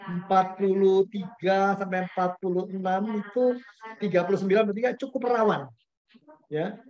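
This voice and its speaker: A man's voice: sits high, steady tone, normal speed. A man, a pastor giving a conversational webinar talk, telling anecdotes in a chatty way with slang and English words mixed in. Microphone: webinar video call. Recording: dull lo-fi webinar audio.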